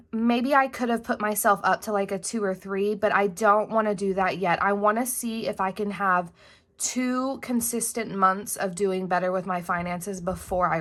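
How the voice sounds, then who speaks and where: With a medium-pitched, fairly bright voice, a heavily pregnant young woman chats through a casual planner vlog at her home desk. She rambles, self-corrects, and sounds a little out of breath.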